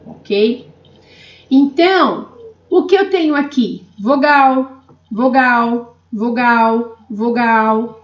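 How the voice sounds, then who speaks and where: A woman teaching English grammar, patiently checking in with her students and acting out their questions. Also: sits high. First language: Portuguese. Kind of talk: classroom-style lesson. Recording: roomy, dull lo-fi sound.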